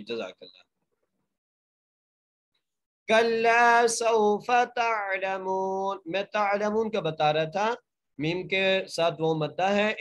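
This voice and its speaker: A man teaching Quran recitation in an online class, explaining each letter rule plainly and then chanting each word slowly and drawn out. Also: on the high side. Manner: polite, asks students to mute. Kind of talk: online Quran tajweed lesson.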